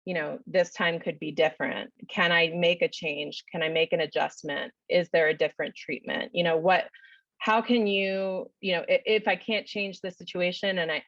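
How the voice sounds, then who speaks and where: A woman's voice: lowish voice, dry recording. Woman explaining thoughtfully over a dull webinar line. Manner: thoughtful, many "you know" fillers. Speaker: psychologist guest speaker. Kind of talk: webinar Q&A answer.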